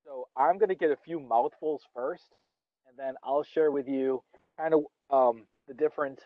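A young man talks casually as he eats outdoors, rambling and restarting, with plenty of fillers. His voice sits at a middling pitch for a man. The recording is dry and somewhat dull, with a lo-fi edge. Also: dry recording. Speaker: vlogger. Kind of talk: casual talk while eating. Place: outdoors under a tree in a yard.

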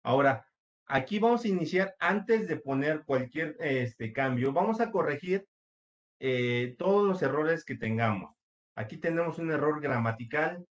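Slow, patient male computer teacher. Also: fairly high pitch, lively intonation, lo-fi sound. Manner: slow, patient, step-by-step with many fillers. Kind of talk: screen-share computer lesson.

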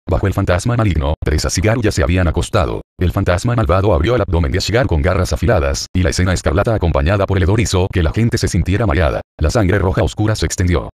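Male narrator for a serialized novel audiobook: deep voice, quick steady read. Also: no echo, clean studio sound. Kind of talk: audiobook reading of a translated web novel.

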